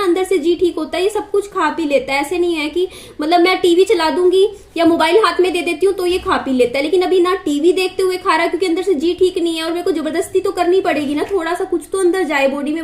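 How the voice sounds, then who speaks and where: A woman's voice: extremely high pitch, darkish tone. A young woman vlogger telling a long everyday story to the camera in a chatty, repetitive way. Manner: chatty, repeats herself, asides to her child. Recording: echoey room.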